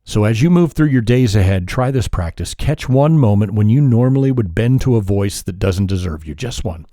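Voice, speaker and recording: This podcast host has a lowish voice and talks on his own calmly and thoughtfully, sometimes pausing or reworking a sentence as he goes. It's recorded in studio quality with no echo.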